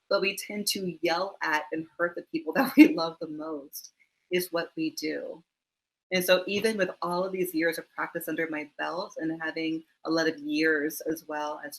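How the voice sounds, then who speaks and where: A woman's voice: low voice, rough recording. A middle-aged woman, a mindfulness teacher, answering interview questions with laughing asides and acted-out quotes over a video call. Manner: warm laughing asides, acts out quoted voices.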